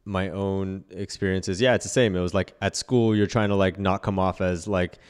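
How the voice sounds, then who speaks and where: A man's voice: low-pitched, fairly even intonation, moderate pace, smooth. A man, a Gujarati speaker, chatting casually and slangily on a podcast. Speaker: podcast host. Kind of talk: casual chat. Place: dark indoor podcast studio. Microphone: close podcast mic on boom arm.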